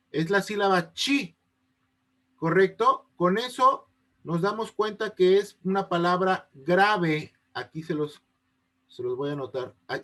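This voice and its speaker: High-voiced patient male teacher. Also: a bit bright. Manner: patient, checks often that students understand. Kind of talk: online class explanation. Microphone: video call. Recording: unstable connection.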